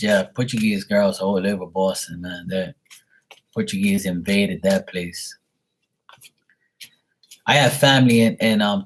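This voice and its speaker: Blunt, rambling low-voiced man. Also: slight background noise. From Bermuda. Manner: blunt, rambling, swears casually. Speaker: tarot reader. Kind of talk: casual live-stream storytelling.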